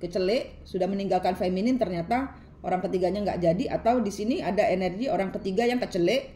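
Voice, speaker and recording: Preachy woman tarot reader, mellow voice. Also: mid-range voice, fast, a little hiss or hum. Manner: preachy, repetitive, scolding. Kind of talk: tarot reading monologue.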